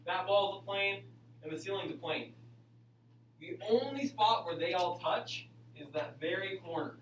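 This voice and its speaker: A man's voice: high voice, moderate pace, fairly bright tone. A man teaching a school class, repeating himself step by step and urging students along like an aerobics instructor, with frequent okay check-ins. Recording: echoey classroom, distant mic, faint hum.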